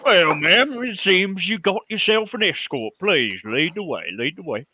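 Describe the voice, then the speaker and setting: A man's voice: high voice, big pitch swings, measured pace, muffled recording, background noise. A man voicing a friendly male orc who talks with a folksy, drawling courtesy. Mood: courteous. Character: amiable hulking male orc warrior.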